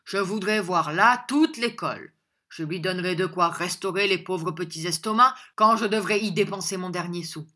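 A woman's voice: fairly low pitch, normal speed. A woman voicing a bluff, hot-tempered honest country man who blusters and defies his opponent in a storybook reading. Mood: jovial. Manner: loud, blustering and defiant.

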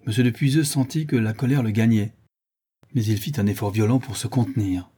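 A man reads a classic novel aloud at a steady, measured pace. His voice is low and dark in tone. It has a husky, breathy grain. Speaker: narrator. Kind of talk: audiobook reading of a classic novel.

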